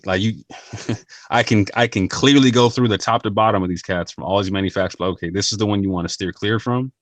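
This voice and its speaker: A man's voice: on the low side, a bit bright, dry recording. A man talking casually and earnestly to his viewers, using slang and often repeating and restarting his phrases. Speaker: channel host. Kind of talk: casual talk to camera.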